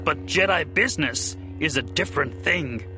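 A man's voice: fairly high pitch, expressive, moderate pace, over music, pitched above the performer's own voice, lightly acted. Yoda, a man doing the ancient wise master. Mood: grave. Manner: inverted word order, croaky.

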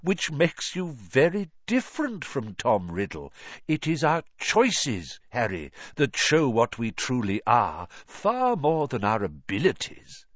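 A man voicing a calm, kindly old male wizard headmaster who speaks in a measured, gentle way. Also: fairly low pitch, no echo, highs cut off, exaggerated voice.

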